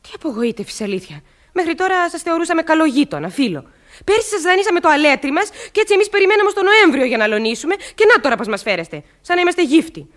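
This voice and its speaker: A proud young landowner's daughter in a vintage radio play, refusing to give an inch. Her voice is high and lively in pitch, and she is sharp-tongued and insistent. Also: full character voice. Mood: furious. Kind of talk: 1960s Greek radio theatre acting.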